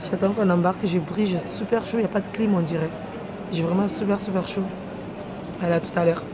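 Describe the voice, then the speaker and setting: Talking into her phone as a travel vlogger, a young woman rambles through her day at the airport and on the plane. Her voice sits on the low side, steady and brisk, with noisy surroundings indoors.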